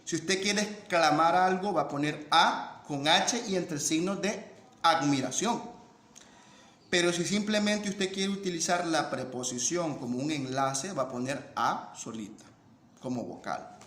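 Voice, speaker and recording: A man's voice: fairly high pitch, a little slow, fairly bright tone. Patient man teaching in an echoey room. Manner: patient, repeats points and asks ¿verdad?. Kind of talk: classroom lesson explaining phonetics. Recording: echoey room with faint noise.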